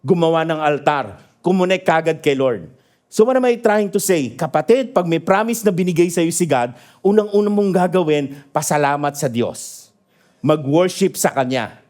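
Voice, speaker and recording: A man preaching a sermon in a lively storytelling manner, often asking his congregation for an amen and laughing at his own stories. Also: on the high side, normal speed. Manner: asks the congregation for agreement. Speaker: pastor. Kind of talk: sermon mixing Tagalog and English. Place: church.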